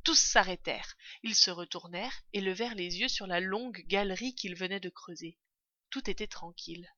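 Brief: woman narrator for a children's story, expressive, bright tone, dry slightly dull recording. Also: medium pitch, moderate pace, dry recording. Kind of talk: audiobook reading of a children's story.

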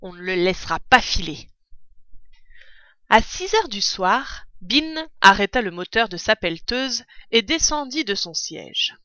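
A woman reading a children's novel aloud, with expressive, deliberate storytelling. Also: medium pitch, no echo, muffled recording. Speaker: narrator.

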